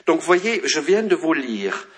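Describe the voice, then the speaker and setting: A man's voice: a little high, sing-song, measured pace. A man giving a lecture on the Bible, reading passages aloud and explaining them with many fillers and restarts.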